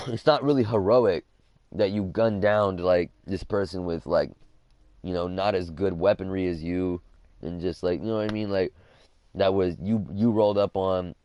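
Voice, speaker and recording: A man's voice: low voice, a little mellow, no echo. A young man on a game livestream, telling a story in a rambling way, full of "like" and "you know what I mean". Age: young adult. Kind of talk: casual storytelling while streaming a game.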